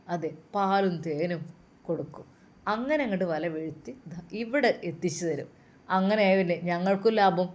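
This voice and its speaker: A woman's voice: on the low side, normal speed, darkish tone, pitched below the performer's own voice, natural voice. A woman voicing a drunken, lecherous male boss who leers and coaxes with slurred speech. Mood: leering. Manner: slurred, leering, coaxing.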